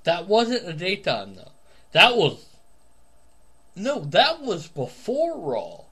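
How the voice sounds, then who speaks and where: Slightly high-voiced guy co-hosting a podcast, crude jokey back-and-forth banter. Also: huge pitch swings, slow, sharp tone, breathy edge. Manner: crude, joking, argumentative banter. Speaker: podcast co-host. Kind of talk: casual chat.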